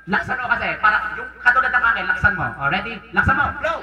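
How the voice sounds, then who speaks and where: A man's voice: extremely high pitch, lively intonation, quick pace, muffled recording, background noise. A man working as a clown at a children's birthday party, teasing and joking with a child and laughing often. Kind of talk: hosting a children's party game. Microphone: handheld mic, recorded by a distant camera. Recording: roomy sound from far off.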